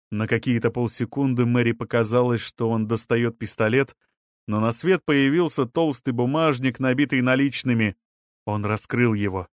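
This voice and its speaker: A man reading a novel aloud as an audiobook narrator, in a measured way that leans into the drama. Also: medium pitch, no echo, clean studio sound. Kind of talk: scripted narration.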